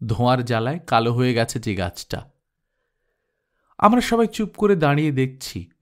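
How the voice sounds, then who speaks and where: A man narrating a literary short story in a measured, expressive reading voice. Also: mid-range voice.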